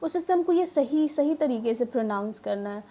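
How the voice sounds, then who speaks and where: A woman educator giving an earnest explanatory talk to parents and teachers, often pausing on fillers and mixing English words into her speech. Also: sits high, expressive, dark tone. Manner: earnest, mixes English words into Hindi, frequent filler pauses.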